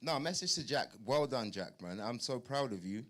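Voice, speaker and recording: A man's voice: mid-range voice, expressive, a little fast, fairly bright tone. A man speaking informally as a boxer at a press conference, playful and fond of repeating his phrases.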